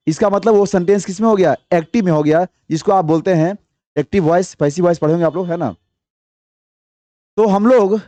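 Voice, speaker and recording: High-voiced male Hindi exam tutor. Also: dark tone, no echo. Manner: explains step by step, repeats answers, quizzes viewers. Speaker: exam prep teacher. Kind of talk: online exam-prep lesson.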